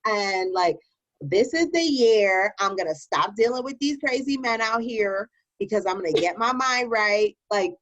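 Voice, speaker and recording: A woman rants casually with a loose, tipsy ramble. Her pitch swings widely as she playfully mimics other people's phrases. The audio is dull and lo-fi. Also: expressive, unhurried, a bit bright. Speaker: talk show host. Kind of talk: casual ranting chat.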